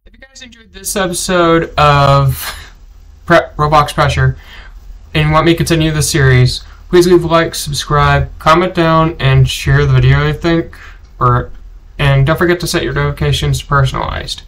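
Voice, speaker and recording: A man's voice: a little high, fairly even intonation, normal speed, a bit bright. A man giving casual gameplay commentary as a gaming channel host, rambling and often correcting himself as he talks. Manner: rambling, self-correcting, chatty.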